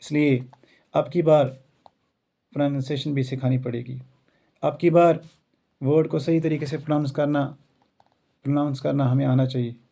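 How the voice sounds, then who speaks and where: A male schoolteacher from India, not a native English speaker, speaks with an earnest, motivational drive. His voice is gravelly and dark. He builds his points through repeated rhetorical phrases. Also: a little high, fairly even intonation, normal speed, long pauses. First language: not English; self-taught English. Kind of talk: motivational talk to students and teachers.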